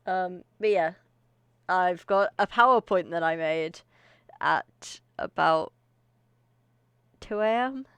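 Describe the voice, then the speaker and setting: A woman's voice: lowish voice, takes it slowly, pauses often, fairly bright tone, clean tone, no echo. A woman streamer chatting casually to her live audience, a little out of breath, rambling and often laughing. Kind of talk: casual livestream chat.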